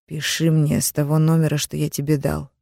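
A woman's voice: low voice, completely flat delivery, a little fast, vocal fry, dark tone, no echo, studio quality. A woman voicing a pleading young man on the run.

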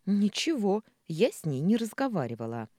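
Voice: sing-song, normal speed, darkish tone, no room sound, clean studio sound. A reader voicing a touchy, tearful pregnant young woman who bursts out indignantly, in a read-aloud story. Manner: shrill, indignant outbursts. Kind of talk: audiobook character voicing.

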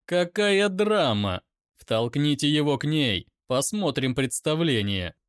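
A male narrator voicing a cruel, mocking male captor who taunts loudly and gleefully. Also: mid-range voice, big pitch swings, slow.

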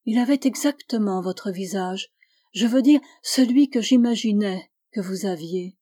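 A woman's voice: mid-range voice, a little slow, warm tone, close to an everyday voice. A woman voicing an anguished, fervent young woman who was once blind, speaking with pleading intensity that rises to vehemence, in an audiobook. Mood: confessing.

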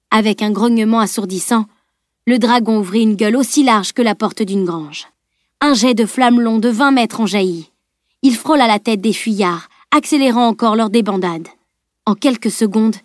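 Lady reading a fantasy audiobook, steady expressive voice, dry close sound. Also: medium pitch, dry recording. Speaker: audiobook narrator. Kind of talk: scripted narration of a fantasy novel.

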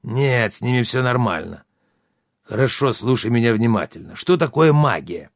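A man's voice: mid-range voice, lively intonation, moderate pace, no room sound, studio quality. A man voicing a touchy, grumpy old wizard who scolds his apprentice in theatrical outbursts. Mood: lecturing.

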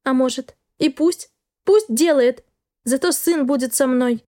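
A woman's voice: high-pitched, a little slow, dark tone, no room sound, clean studio sound. A woman reading an audiobook, voicing a frightened, desperate young female student who speaks through sobs and pleads. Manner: sobbing, pleading, breathless. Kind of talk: audiobook dialogue.

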